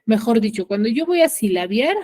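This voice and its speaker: A woman's voice: a little high, big pitch swings, fairly quick, mellow. A woman teacher with a Peruvian Spanish accent, leading an online class. She is patient, repeats key words and often checks in with her students.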